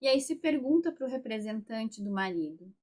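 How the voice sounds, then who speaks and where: A woman's voice: expressive, normal speed, a little mellow. Woman therapist recounting a session. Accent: Brazilian Portuguese. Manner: acts out quoted voices with raised pitch. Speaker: family constellation therapist.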